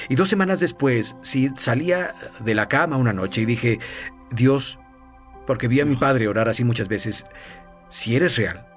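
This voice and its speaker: Earnest man telling a testimony. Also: medium pitch. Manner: storytelling, earnest, laughs while telling. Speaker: evangelist guest. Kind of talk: testimony in a TV interview.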